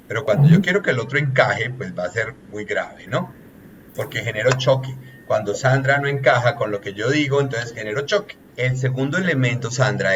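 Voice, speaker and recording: A man's voice: medium pitch, a bit bright, a little hiss or hum. A man, a relationships consultant giving an earnest, teacherly coaching talk that lists points one by one.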